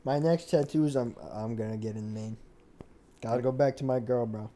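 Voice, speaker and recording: A man's voice: medium pitch, moderate pace, dark tone, a little hiss or hum. A young American man in casual, slangy banter with friends, peppering his talk with bro. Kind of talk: casual chat.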